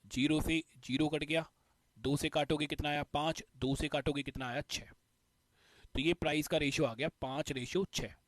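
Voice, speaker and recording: A man's voice: on the high side, steady tone, normal speed, dry recording. A male teacher explaining a math concept step by step, repeating the key points. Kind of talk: exam-prep math lesson.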